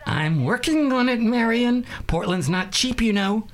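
A man playing a bumbling radio advice show host, deadpan and exasperated. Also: extremely high pitch, unhurried.

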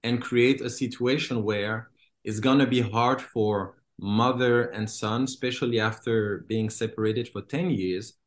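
A man's voice: medium pitch, fairly even intonation, a little slow. Hesitant man from Congo. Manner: hesitant, many fillers and restarts. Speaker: filmmaker. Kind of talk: interview.

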